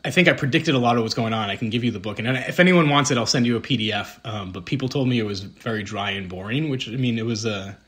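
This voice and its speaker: A man's voice: mid-range voice, fast talker, hardly any pauses. A man with a Boston accent, co-hosting a casual podcast conversation, rambling with lots of ums and self-deprecating asides. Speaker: podcast co-host.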